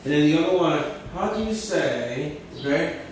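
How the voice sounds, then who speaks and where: A man teaching English phrases at a whiteboard, switching between English and Spanish and repeating each phrase slowly several times. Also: fairly high pitch, expressive. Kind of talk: bilingual whiteboard lesson. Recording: roomy, distant mic, faint background hum.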